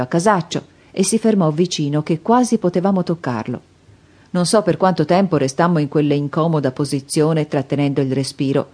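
Female audiobook narrator, calm and steady, lower-pitched voice.

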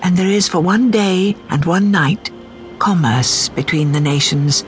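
With a natural, medium-pitched voice and a measured pace, an actor narrates a fairy tale as its omniscient storyteller in a radio drama script. The delivery is calm and deliberate, and music runs beneath the voice.

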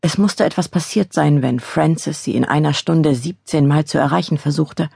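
A woman narrating an audiobook on a close studio mic, in a measured, expressive reading with a husky, gravelly voice. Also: deep voice, no echo. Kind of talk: scripted narration.

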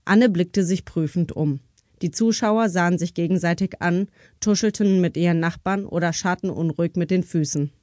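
A woman reading a crime novel aloud as an audiobook narrator, in measured, even storytelling. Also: fairly low pitch, dry recording, clean studio sound. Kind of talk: scripted narration.

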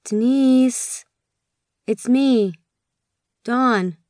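A woman narrator voicing an anxious adult sister who calls out tentatively through a quiet apartment. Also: a little high, drawn-out words, no room sound, studio quality, voice pushed up. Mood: anxious calling. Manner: tentative, hushed calling.

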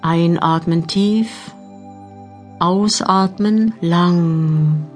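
A woman narrating a guided meditation audiobook, giving measured instructions with long pauses. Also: lowish voice. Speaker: mental training narrator. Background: new-age music.

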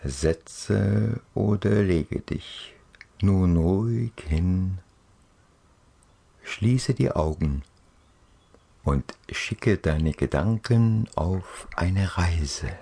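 A man with a low, breathy, husky voice guides children through a relaxation journey. He narrates softly and dreamily, soothing them with gentle pauses.

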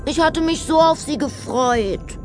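A woman voicing a wild, cheerful little mermaid girl in an audiobook for children, high, bubbly and exuberant. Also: sing-song, normal speed, music in the background. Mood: tender.

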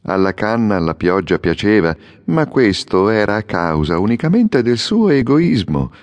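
A man's voice: fairly low pitch, very animated, unhurried, a little mellow. A man voicing a fussy young male swallow, proud and complaining, in an audiobook fairy tale. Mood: indignant. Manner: peevish, exclaiming. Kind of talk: audiobook character reading.

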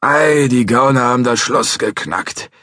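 A shrill, querulous old watchman. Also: measured pace, bright, forceful tone, no echo, studio quality. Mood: grumbling. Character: doddering old male security guard, suspicious and testy.

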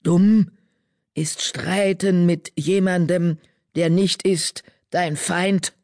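A man voicing a wise old female badger seer who speaks slowly in broken, oddly ordered sentences. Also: high voice, no room sound, clean studio sound, full character voice. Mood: stern. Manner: slow, broken word order, calm.

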